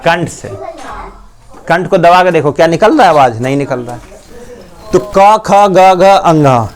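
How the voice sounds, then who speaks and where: A man's voice: a little high, animated. A male teacher with a Bihari accent giving a classroom lesson, sounding out letters and quizzing his students. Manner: drills sounds slowly, quizzes students often. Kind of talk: classroom Hindi pronunciation lesson.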